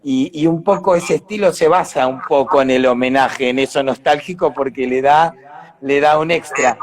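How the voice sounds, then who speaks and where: At a medium pitch and normal speed, an Argentine actor chats casually during a live interview. He talks reflectively, explaining things as he hunts for the right words.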